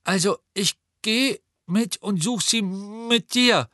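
A stubborn, clumsy teenage boy with a bloody nose speaks high and strained, stretching his words slowly and pleadingly. His voice sits far above the reader's own. The sound is close and dry. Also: pushed and bright, no echo, exaggerated voice. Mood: determined.

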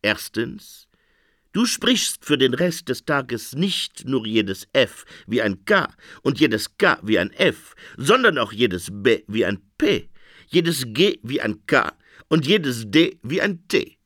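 A smug little goblin man lays out his terms in a slow, mocking voice, as a male reader puts him on. His tone is bright and sly, a comic storybook trickster. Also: medium pitch, big pitch swings, dry recording, clean studio sound, heavily acted.

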